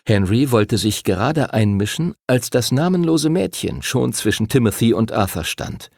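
A man narrating an audiobook in an expressive storytelling manner. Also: medium pitch, moderate pace, vocal fry, no room sound, clean studio sound.

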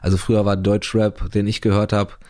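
A man's voice: lowish voice, flat delivery, fairly quick, a little mellow, dry recording, studio quality. A man, chatting casually in a rambling, slangy way full of fillers. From Berlin, Germany. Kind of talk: casual chat.

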